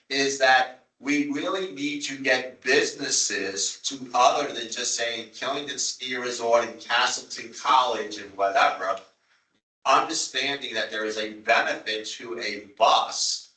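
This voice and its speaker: Man, Long Island accent, insistent, repeats himself, bright tone, distant mic, echoey meeting room. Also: medium pitch. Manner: insistent, repeats himself, apologetic but pressing. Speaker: town representative on a transit board. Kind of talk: public meeting debate.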